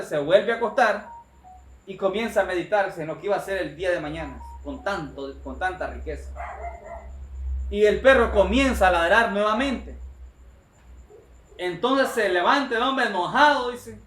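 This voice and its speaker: A man's voice: high-pitched, lively intonation, measured pace, fairly bright tone, a little hiss or hum. A male preacher delivering a sermon in an emphatic, repetitive manner, often calling his listeners brother. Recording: echoey room.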